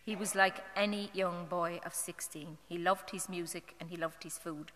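A middle-aged Irish woman giving a personal testimony as a mother at a parish novena, earnest and halting, with fillers and restarts. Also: lowish voice, fairly even intonation, fairly bright tone, slight background noise. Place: church. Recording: long church hall reverb.

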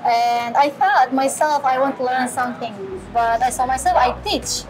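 A middle-aged woman chef with a Syrian accent, answering interview questions in halting English with many pauses, in a small restaurant kitchen. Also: high-pitched, a little hiss or hum, rough recording. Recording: background music.

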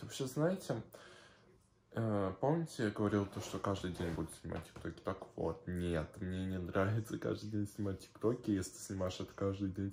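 A man's voice: sits low, creaky, darkish tone. A young man chatting casually and slangily in a rambling video diary. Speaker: vlogger. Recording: faint background noise with clicks.

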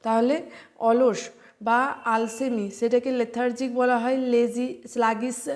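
A woman teaching English vocabulary for exams in an online lesson, spelling words out letter by letter and pausing with "ah". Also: a little high, flat delivery, darkish tone. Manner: slow, spells words letter by letter, fills pauses with "ah".

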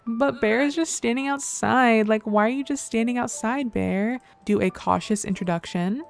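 A young adult woman hosting casual game commentary, chatty and excitable, filling nearly every phrase with "like". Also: a little high, normal speed, gravelly, soft background music. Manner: chatty, says "like" constantly, excitable exclamations. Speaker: gameplay host.

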